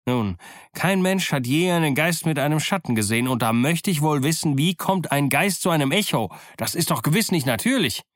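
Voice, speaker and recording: Give me a man putting on a scornful old pirate captain, bold and loud, in a dry audiobook recording. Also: on the high side, animated, fairly quick, dry recording, pitched above the performer's own voice, close to an everyday voice. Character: gruff old one-legged male pirate captain. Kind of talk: audiobook character voice.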